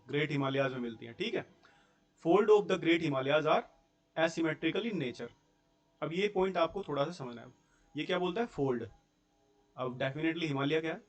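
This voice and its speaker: A young man teaching a school geography class, explaining step by step in a mix of Hindi and English terms and checking in with his students. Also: a little high. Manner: explains step by step, often checks in with "theek hai" and rhetorical questions.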